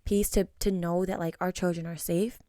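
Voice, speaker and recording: A woman's voice: on the low side, moderate pace, no room sound. A young adult woman co-hosting a podcast in casual, emotional chat, full of fillers. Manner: emotional, animated, many fillers. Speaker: podcast co-host.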